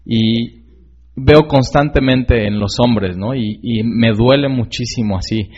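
A man's voice: medium pitch, slow, a little mellow, breathy edge. A man preaching a sermon in an earnest, conversational way, often asking the listener direct questions. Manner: conversational, with many fillers and tag questions. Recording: slightly dull lo-fi recording.

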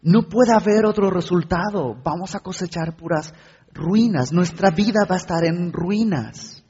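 A man's voice: high-pitched, unhurried, dark tone, breathy edge. A male preacher giving a sermon and asking the listener direct questions. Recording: dull recording in an echoey hall.

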